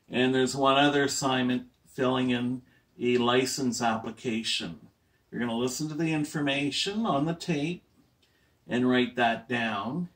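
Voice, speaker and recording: A man's voice: mid-range voice, fairly bright tone, far from the mic. A man teaching a listening lesson to language learners, talking patiently and often checking if the class has questions.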